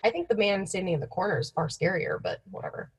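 A woman's voice: medium pitch, expressive, fast talker, slightly rough. A young woman co-hosting in an informal, offhand way, telling stories partly read from notes. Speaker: podcast co-host.

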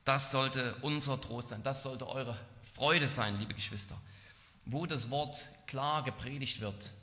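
A man preaching an expository sermon in an earnest, measured way. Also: mid-range voice, pushed and bright. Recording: long hall reverb.

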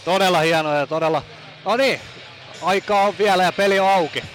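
A man's voice: high-pitched, fairly bright tone, soft background music, rough recording. A man giving casual, colloquial color commentary on an ice hockey game, speaking loosely with fillers. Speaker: expert co-commentator.

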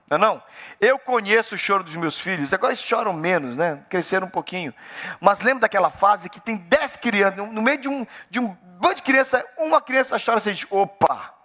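A middle-aged man with a Brazilian Portuguese accent preaches a sermon in a church. His voice sits high and rings bright, climbing in emphatic repeated phrases. He keeps turning to the congregation with direct questions. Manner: preaching with rising, emphatic repetition. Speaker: pastor.

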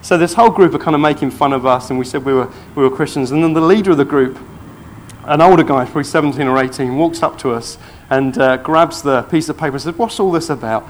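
Brief: male preacher, slightly high voice, eager storytelling testimony, faint hiss behind. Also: fast talker. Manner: earnest, excited storytelling. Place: church.

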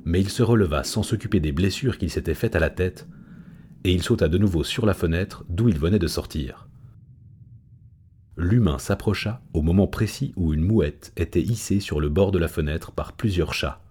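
A man narrating an audiobook in a steady, measured storytelling manner. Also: low voice, breathy edge.

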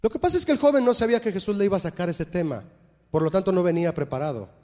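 A man's voice: high voice, lively intonation, very fast, mellow. A man preaching a sermon as a pastor, emphatic and full of rhetorical questions to his congregation. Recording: long hall reverb.

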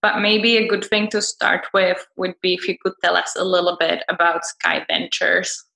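A woman's voice: on the low side, flat delivery, normal speed, creaky, pushed and bright. A woman moderating a podcast interview, with polite, formal phrasing. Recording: roomy, faint music behind.

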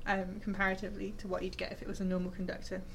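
Woman explaining science stuff, lots of ums, nerdy and enthusiastic, mid pitch. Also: monotone, rapid-fire, creaky, a little hiss or hum. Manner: chatty and enthusiastic, full of fillers and self-corrections. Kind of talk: informal science explanation to an audience.

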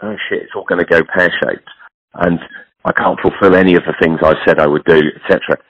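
A man's voice: low voice, fairly even intonation, quick pace, no echo, lo-fi sound. A man in his sixties, a clothing entrepreneur talking frankly in a casual, rambling way. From British. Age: 60s. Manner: frank, rambling, self-deprecating. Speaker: podcast guest, clothing entrepreneur. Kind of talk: casual conversation.

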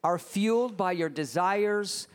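A man preaching a sermon in short phrases, pausing after each for his interpreter. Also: high-pitched.

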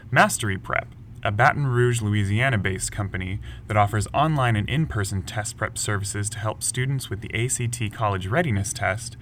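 Low-voiced man reading education news. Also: a bit bright, a little hiss or hum. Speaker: podcast co-host. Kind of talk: scripted news read.

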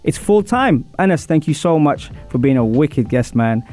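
With music in the background, a man interviews a guest on his sports talk show in a loose, conversational radio style. His pitch is fairly high and his intonation lively, delivered at normal speed with a darkish tone.

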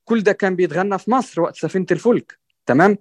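A man with an Egyptian accent speaks quickly in a slightly raised voice. He stumbles and restarts often, then presses his point earnestly and keeps asking "right?". The sound is dry and close to the mic. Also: sits high, no room sound. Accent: Egyptian Arabic. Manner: hesitant, many restarts and fillers, checks in with "right?"; earnest and exhorting. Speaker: guest musician on a panel. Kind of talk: conversational discussion.

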